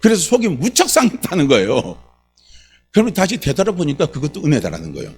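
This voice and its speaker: Fervent preaching man with a lively pitch. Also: quick pace, faint music behind. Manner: fervent, repeats phrases, calls out questions to the congregation. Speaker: pastor. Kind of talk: sermon.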